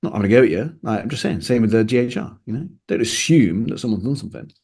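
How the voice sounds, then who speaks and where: A man's voice: on the low side, expressive, fast, darkish tone, slightly rough. A man, a fitness coach co-hosting a casual podcast, ranting sarcastically. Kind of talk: casual chat.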